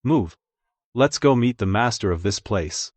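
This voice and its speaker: A cold bossy overlord, low voice, dramatic dub acting, super dry sound. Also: male voice, expressive, a little slow, dry recording. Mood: ruthless. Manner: imperious, menacing, declarative. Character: cold, commanding young ruler with spatial powers.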